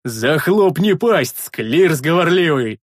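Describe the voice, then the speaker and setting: A man voicing a burly, loud male warrior in an audiobook, bellowing and gruff, with a husky voice. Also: fairly high pitch, animated, moderate pace, no echo, clean studio sound. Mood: scolding. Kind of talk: audiobook character voice.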